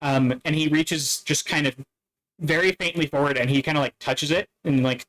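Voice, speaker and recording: A man narrating a tabletop game as dungeon master, halting and full of fillers and restarts. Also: fairly high pitch, a bit bright, low-quality recording.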